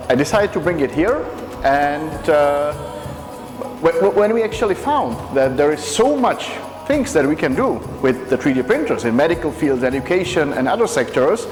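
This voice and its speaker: A man from the Republic, a company co-founder who speaks English haltingly and repeats words while he searches for them. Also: on the high side, long reverb tail. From Czech Republic.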